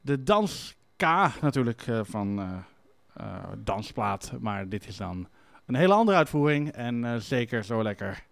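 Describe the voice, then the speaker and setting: Male radio host with a smooth, dry voice. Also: mid-range voice, expressive, unhurried, few pauses, no room sound. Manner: casual, hesitant with many fillers. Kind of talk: radio presenting between songs.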